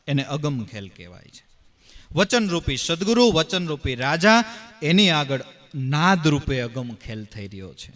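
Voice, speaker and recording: Animated preacher man. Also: on the high side. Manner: animated storytelling, raising and dropping his voice for emphasis. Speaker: devotional preacher and bhajan singer. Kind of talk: devotional discourse with rhetorical questions.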